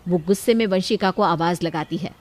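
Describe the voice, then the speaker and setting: A woman narrating a family story in a calm storytelling tone. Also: fairly low pitch, a little fast, no echo. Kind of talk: scripted narration.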